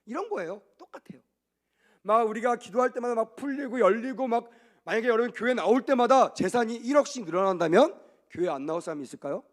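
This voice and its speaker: A young man preaching a sermon as pastor, questioning the congregation and acting out quotes with dramatic swings in loudness. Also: quick pace. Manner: lively, dramatic, acts out quotes with big jumps in pitch and volume; talks directly to the congregation with questions.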